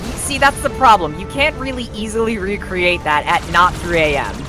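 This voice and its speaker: A gamer chatting casually over play, teasing a friend with deadpan jabs. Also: mid-range voice, moderate pace, music in the background. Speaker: co-host and gamer. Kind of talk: casual gaming chat.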